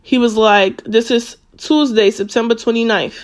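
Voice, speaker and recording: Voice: medium pitch, steady tone, moderate pace. A social media commentator talking casually, reading a string of text messages aloud with frequent fillers and self-corrections.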